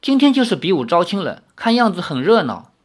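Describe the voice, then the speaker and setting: A man voicing a cheeky young male swordsman who is easily startled, asking quick, incredulous questions in an audiobook reading. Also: high voice, very animated, slightly rough, voice pushed up, exaggerated voice. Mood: musing.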